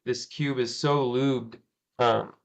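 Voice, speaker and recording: A man's voice: medium pitch, fairly even intonation, slow, creaky. A man hosting a live stream, chatting casually and rambling, often correcting himself and laughing. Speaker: cubing channel host.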